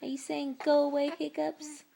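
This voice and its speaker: A young woman talking soft, sing-song, doting baby talk to her infant. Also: high-pitched, level tone, moderate pace, vocal fry. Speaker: parent filming her baby.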